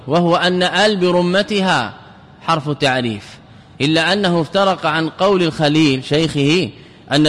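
A man teaching grammar as a sheikh. He poses rhetorical questions, answers them himself, and slowly repeats key words for emphasis. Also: fairly high pitch, a bit bright. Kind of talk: classical Arabic grammar lecture. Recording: long reverb of a large hall.

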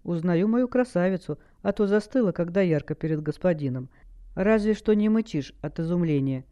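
A man's voice: high-pitched, expressive, moderate pace, warm tone, smooth. Sly mocking demon lord, as a man reads him. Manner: ironic, teasing. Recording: dull lo-fi recording.

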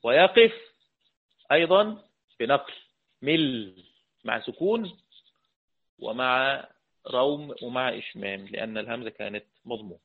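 An Egyptian man gives a recitation lesson in a loose, chatty way, stopping to quiz his students. His voice sits in a middle pitch range. The sound is thin and phone-like, as if from an old line. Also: expressive, gravelly. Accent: Egyptian Arabic. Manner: conversational, asks the class questions, chants verses slowly. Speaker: Quran recitation teacher. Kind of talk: explanatory lecture with chanted verse quotes. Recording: tinny phone-like audio.

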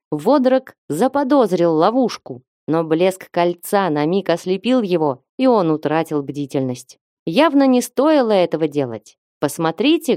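A woman narrating an audiobook in a steady storytelling manner, recorded close to the mic. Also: on the low side, dry recording. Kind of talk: scripted narration.

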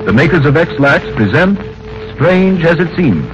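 A man's voice: fairly high pitch, very animated, a little slow. A man reading a sponsor announcement in an emphatic, rising announcer style, heard from an old 1930s radio recording. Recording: dull 1930s radio recording over music.

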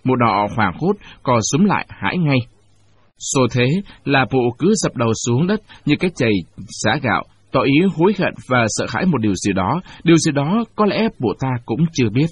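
A man with a husky voice narrating a storybook audiobook in a measured, expressive way. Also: mid-range voice. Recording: dull lo-fi recording.

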